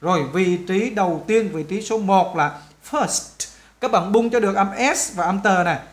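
A man with a Vietnamese accent teaching an English lesson, patiently repeating words slowly for students to copy. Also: high voice. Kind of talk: explaining English grammar to students.

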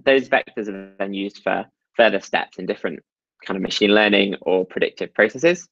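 A man's voice: fairly low pitch, moderate pace, fairly bright tone, no room sound, lo-fi sound. A man giving a technical talk over slides at an online meetup, explaining step by step with frequent ums and uhs. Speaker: meetup presenter.

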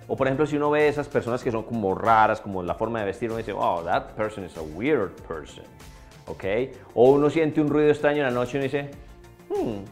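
Man, English teacher, animated pitch, faint music behind, slow repeated word drills. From Colombia. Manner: drills words slowly, repeating each one. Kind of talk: pronunciation lesson.

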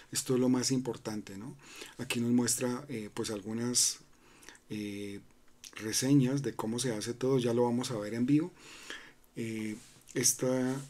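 A man with a medium-pitched, slightly mellow voice hosts a crypto channel, narrating a screen-recorded walkthrough in a loose, conversational way. His talk is packed with fillers and restarts, and he keeps tagging questions with "¿no?".

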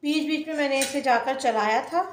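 Woman, high-pitched, plain recipe narration, explains each step, roomy kitchen sound. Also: fairly quick, a little hiss or hum. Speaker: cooking channel host. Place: home kitchen.

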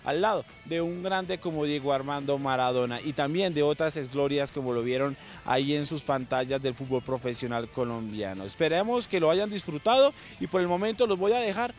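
A man's voice: a little high, a little fast, hardly any pauses, soft background music. A young man, a sports reporter, presenting an upbeat segment outdoors with a handheld mic. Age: young adult. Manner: upbeat, enthusiastic presenter delivery.

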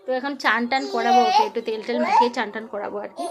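A woman's voice: fairly high pitch, very fast, loud music behind the voice. A young woman talking casually at home in a rambling way with fillers, coaxing her child through simple quizzes. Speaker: vlogger and mother. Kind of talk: casual home vlog chat.

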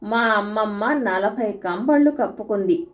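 A woman's voice: mid-range voice, measured pace, close to an everyday voice. A woman voicing a cursed male demon who taunts as he poses riddles, in a storybook reading. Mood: taunting. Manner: taunting, challenging.

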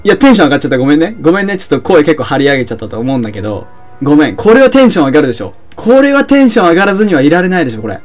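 Young male game commentator, lively and excitable, voice a bit high, music faintly underneath. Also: very fast. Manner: excitable, shouts and laughs at the action. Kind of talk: excited let's-play commentary.

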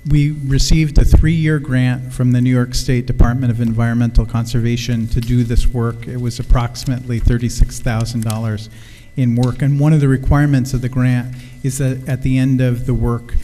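A man's voice: medium pitch, little pitch movement, moderate pace, few pauses, mellow. A middle-aged man, a city official, introducing a presenter at a council meeting in a plain, businesslike way. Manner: plain, a few ums, businesslike. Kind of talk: meeting remarks. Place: council chamber. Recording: reverberant council chamber.

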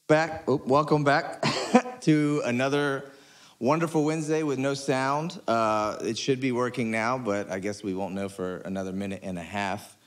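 A pastor hosting a casual church livestream talk, loose and joking, with lots of fillers. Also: male voice, mid-range voice, fairly even intonation, normal speed. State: out of breath. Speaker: pastor and podcast host. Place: church room, on a couch.

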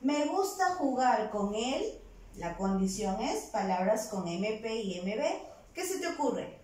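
A woman whose voice sits on the high side, slightly mellow with big pitch swings, teaches a virtual primary class. She dictates words slowly and patiently, syllable by syllable, recorded far from the mic in an echoey room.

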